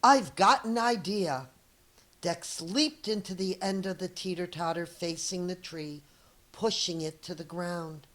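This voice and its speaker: Like a schoolteacher, a middle-aged woman reads a children's story aloud in a slightly low voice. She goes slowly and deliberately, phrasing expressively and acting out the dialogue.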